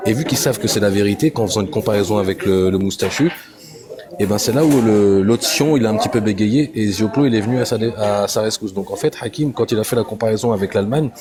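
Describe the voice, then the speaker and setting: A man speaking quietly and hushed, explaining his view in an online voice chat. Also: lowish voice.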